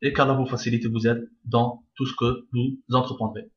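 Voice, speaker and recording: A man's voice: medium pitch, flat delivery, moderate pace. A man teaching a beginners' Arabic reading lesson online, patient, repeating each point and checking in with his listeners. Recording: roomy, dull lo-fi sound.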